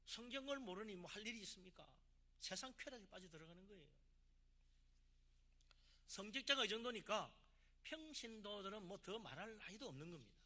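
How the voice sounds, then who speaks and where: A man's voice: sits high, pushed and bright. A man, a pastor from South Korea, preaching a sermon with emphatic delivery and rhetorical questions.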